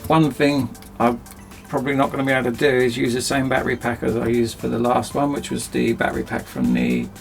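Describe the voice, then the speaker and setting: Chatty gravelly-voiced man in a workshop. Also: medium pitch, expressive, brisk, few pauses, faint music behind. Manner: chatty, rambling, self-mocking. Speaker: DIY video host. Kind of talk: casual workshop chat. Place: cramped home workshop.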